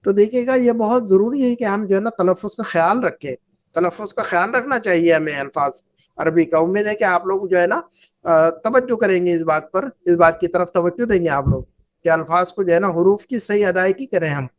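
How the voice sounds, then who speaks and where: A woman whose first language is Urdu, teaching an Arabic grammar lesson, patiently repeating verb forms and asking the class questions. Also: fairly low pitch. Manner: asks the class questions and invites answers.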